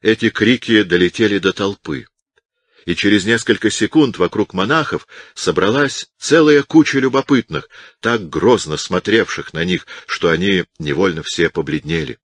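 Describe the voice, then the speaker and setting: A man reading an audiobook in a measured, dramatic narration style. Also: fairly low pitch, a bit bright, no echo. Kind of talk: scripted narration.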